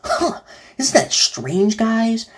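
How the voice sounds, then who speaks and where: A woman's voice: fairly high pitch, sing-song, drawn-out words, husky. A woman giving casual reaction commentary, rambling and self-mocking with running jokes. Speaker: reaction video host.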